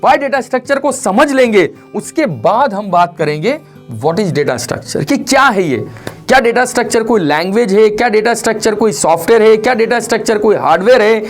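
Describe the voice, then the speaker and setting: A man in his forties giving a programming lecture, his voice sitting fairly high and swinging widely in pitch. He drifts between Hindi and English and keeps checking in with his students through rhetorical questions. Faint music plays in the background. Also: expressive, a little fast. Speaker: programming instructor.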